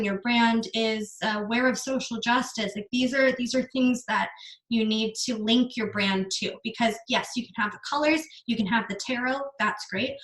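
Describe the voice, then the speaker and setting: A young woman giving a casual online business masterclass, earnest and energetic, now and then swearing. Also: a little high, echoey room, low-quality recording.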